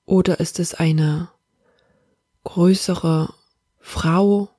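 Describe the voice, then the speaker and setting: Breathy soft-spoken woman guiding meditation. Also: lowish voice, very slow, dry recording, studio quality. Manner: soft, half-whispered, calm and soothing. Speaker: meditation guide. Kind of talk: guided meditation.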